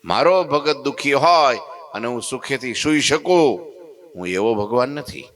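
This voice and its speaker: A man's voice: mid-range voice, lively intonation, measured pace, fairly bright tone, pitched above the performer's own voice. A man voicing a compassionate divine master who speaks with firm, reassuring commands. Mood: resolute.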